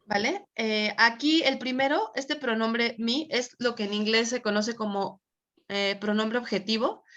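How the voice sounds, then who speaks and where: A woman's voice: a little high, measured pace, a bit bright. A woman teaching a Spanish grammar class online, patiently checking that students follow. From Mexico. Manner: patient, checks understanding often. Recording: dull lo-fi audio.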